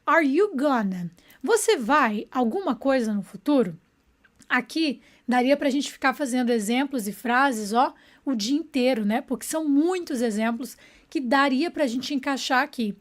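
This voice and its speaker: Woman, high voice, online English teacher, slows down to model phrases, checks in with students. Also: animated.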